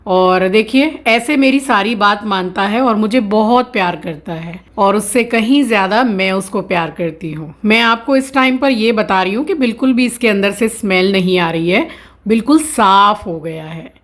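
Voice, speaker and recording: A woman's voice: mid-range voice, moderate pace, hardly any pauses. A woman vlogger at home, earnestly explaining how she cares for her pet dog. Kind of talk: casual explanatory vlog talk.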